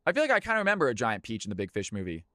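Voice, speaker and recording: A man's voice: medium pitch, huge pitch swings, racing, bright, forceful tone, dry recording, studio quality. A man hosting a livestream of community games, chatting informally with viewers and often repeating his phrases. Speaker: livestream host running community custom games. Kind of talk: livestream chat and game-lobby announcing.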